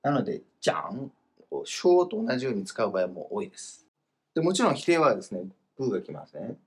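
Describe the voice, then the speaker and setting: A man teaching Chinese grammar in a casual, explanatory lesson, slowing down for the example phrases. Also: mid-range voice, very animated, a little mellow. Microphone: voice message recording.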